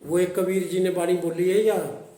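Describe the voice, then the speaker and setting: A man with a high, mellow voice telling a devotional story, slowing into a recitative cadence whenever he quotes a verse. The room around him is echoey. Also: level tone. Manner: slow, recitative when quoting verses.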